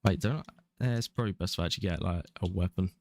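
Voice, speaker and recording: A young man from England talks very fast in a low voice with a darkish tone, and there's no echo. He's in his twenties, has a London accent, and chats casually, rambling and chuckling while he streams a game.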